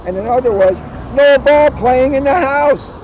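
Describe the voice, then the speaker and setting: Reading a children's book at a measured pace, a police officer uses a high, playful, emphatic voice and throws in joking remarks. He's recorded outside, and the sound is a bit dull, with traffic passing in the background.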